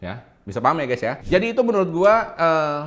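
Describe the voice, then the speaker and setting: Animated man coaching on YouTube growth. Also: fairly high pitch, a little fast. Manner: animated, swooping intonation with playful asides. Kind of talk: casual tutorial talk to viewers.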